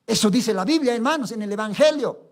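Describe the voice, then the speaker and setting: A man preaching a Sunday sermon as pastor, swinging between soft asides and loud exclamations and constantly calling the congregation his brothers. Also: very high-pitched, animated, a little fast. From Bolivia.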